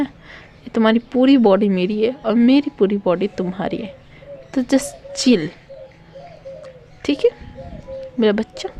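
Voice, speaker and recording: A woman's voice: fairly high pitch, warm tone. A woman voicing a possessive young male lion alpha student who talks boastfully and domineeringly. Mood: teasing.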